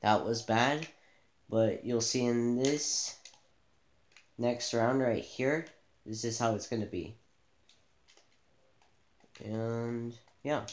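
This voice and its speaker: A man giving a casual gameplay tutorial, relaxed and thinking aloud as he plays in a dim room, filmed by a camera pointed at the TV. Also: mid-range voice, slow, long pauses, echoey room. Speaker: gaming channel host.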